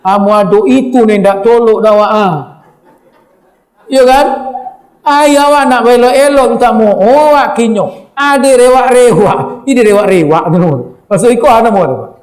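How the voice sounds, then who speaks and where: A man with a high voice and a Minangkabau accent delivers a sermon and keeps turning to his listeners. His lively voice carries through an echoey room. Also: unhurried. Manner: lively, addresses the audience directly. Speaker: preacher.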